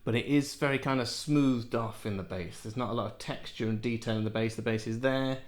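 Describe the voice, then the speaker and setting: A man's voice: medium pitch, brisk. A man in his thirties from Wales, reviewing headphones in a rambling, chatty way in a home office. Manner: rambling, chatty, self-interrupting with laughs. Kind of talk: casual product review. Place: home office with window and plants.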